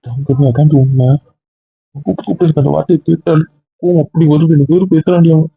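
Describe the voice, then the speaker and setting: A man's voice: on the high side, steady tone, gravelly, husky, no room sound, soft background music. A man playing a jealous, possessive young husband. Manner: pleading then stubborn, quick-talking. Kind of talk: amateur audio drama. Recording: dry, tinny phone-like lo-fi audio.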